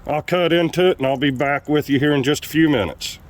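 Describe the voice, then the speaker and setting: A man hosting a casual outdoor cooking vlog, talking in a relaxed way with frequent ums. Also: a little high, a little fast. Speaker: outdoor cooking channel host. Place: outdoors at a camp stove.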